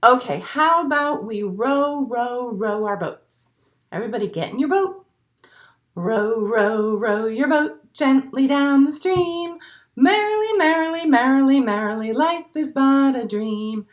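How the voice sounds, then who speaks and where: In an unhurried, high voice, a storytime host at the library reads a picture book aloud to small children with plenty of expression. She mixes in songs and asides, keeping her words simple and encouraging.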